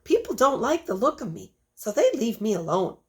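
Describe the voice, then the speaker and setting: A woman's voice: fairly high pitch, big pitch swings, normal speed, a little mellow. Lady reading a mean little storybook spider, snippy and mocking. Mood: smug. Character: snide female spider, scurrying and resentful.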